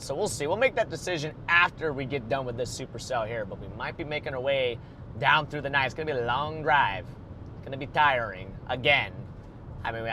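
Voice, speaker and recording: A man's voice: mid-range voice, sharp tone, slight background noise. A man livestreaming storm chasing from a moving car, thinking aloud in casual, rambling commentary full of fillers. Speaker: storm chaser streaming live.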